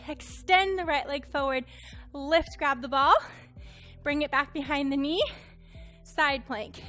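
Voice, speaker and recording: A woman's voice: high voice, a little slow, fairly bright tone, soft background music. A woman instructor cueing a Pilates workout, counting reps and encouraging, a little out of breath. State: slightly out of breath.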